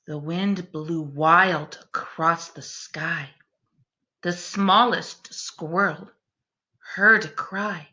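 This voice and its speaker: Woman, children's storytime teacher: bright, clear-cut delivery, unhurried and expressive, speaking straight to young listeners. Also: fairly low pitch. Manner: expressive, deliberate, addressing young listeners directly. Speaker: teacher reading a picture book aloud to children. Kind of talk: animated children's read-aloud with questions to listeners.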